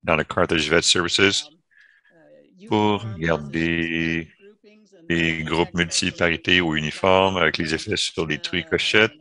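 Man interpreting a panel live, low pitch, bright forceful tone, halting with self-corrections. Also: fairly even intonation. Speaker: French voice-over interpreter for a panel.

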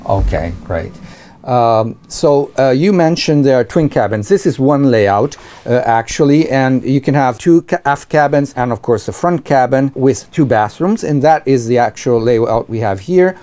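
A man's voice: medium pitch, lively intonation, a little slow, mellow. A middle-aged man hosting a boat review aboard a sailboat, chatting with a guest and finishing her sentences. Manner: conversational, prompts and completes the guest's sentences. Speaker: sailing show host. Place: aboard a sailboat, inside the cabin.

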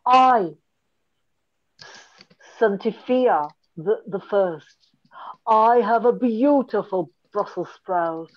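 A woman acts an earnest cabbage mother leading a support meeting. She speaks slowly at a middle pitch, over slightly dull video-call audio, in puppet improv. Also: expressive.

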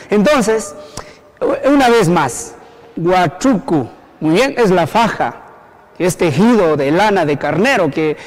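A man from Cajamarca with a Peruvian accent, teaching Quechua pronunciation slowly and patiently, repeating each word for learners. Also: sits high, big-room sound. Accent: Cajamarca Peruvian Spanish. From Cajamarca, Peru. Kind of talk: slow pronunciation lesson.

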